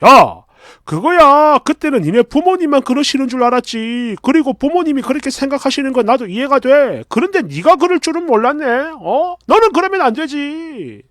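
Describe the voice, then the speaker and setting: Guy voicing a sulky boyfriend, indignant and pushy, pitched up and loud. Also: big pitch swings, normal speed, hardly any pauses, no room sound, full character voice. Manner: indignant, scolding, raised and pushy. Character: irritated, sulky young adult boyfriend.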